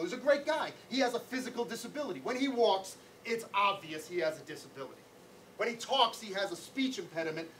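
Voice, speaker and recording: A middle-aged man, an anti-bullying educator, telling a personal story to schoolchildren in an animated, conversational way. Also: high voice. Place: classroom or school hall. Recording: distant mic, faint room noise.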